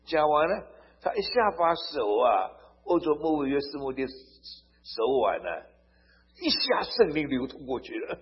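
A man preaching a sermon. He tells stories to make his points, turns emphatic and swells loud on key phrases, and often asks his listeners "好不好?". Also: fairly high pitch, sing-song, measured pace, slightly rough. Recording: dull lo-fi recording.

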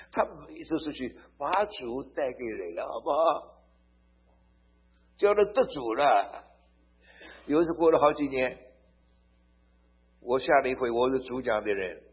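A man preaching a sermon. He tells stories to make his points, turns emphatic and swells loud on key phrases, and often asks his listeners "好不好?". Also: mid-range voice, slightly rough. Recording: dull lo-fi recording.

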